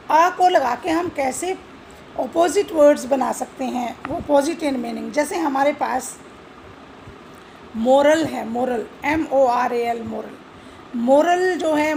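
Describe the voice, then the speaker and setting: A woman's voice: sits high, vocal fry, a little mellow, slight background noise, rough recording. A woman teaching English grammar with an Indian accent, mixing Hindi and English, spelling words out letter by letter and asking questions she answers herself. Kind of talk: classroom-style explanation.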